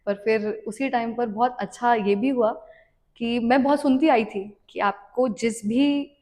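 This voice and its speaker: A young woman guest on a podcast, telling her story in a reflective, unhurried way and mixing English words into her speech. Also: a little high, steady tone, mellow. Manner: mixes English words into Hindi talk. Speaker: podcast guest, devotional content creator. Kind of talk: casual interview chat.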